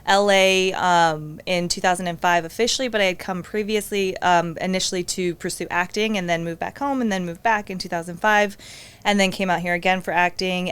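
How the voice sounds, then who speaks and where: Smooth-voiced woman, candid podcast guest. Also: fairly low pitch, a bit bright. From England. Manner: candid, chatty, laughs often. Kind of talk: casual interview chat.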